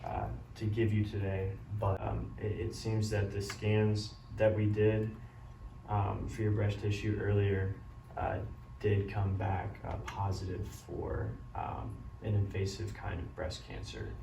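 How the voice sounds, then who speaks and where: A man playing a caring doctor who breaks bad news gently, apologetically and haltingly in a role-played consultation. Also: fairly low pitch, creaky. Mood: gentle, apologetic. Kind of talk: amateur role-play of a medical consultation. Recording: roomy, distant mic, loud background noise.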